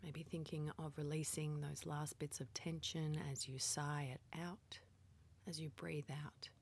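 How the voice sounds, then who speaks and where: Calm and gentle, a low-pitched female voice, soft and breathy like a whisper, walks listeners through a meditation with pauses along the way.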